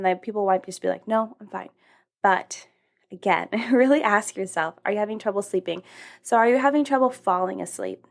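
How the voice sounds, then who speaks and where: Woman, podcast host, some vocal fry, candid, rambling, casual self-help chat. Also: medium pitch.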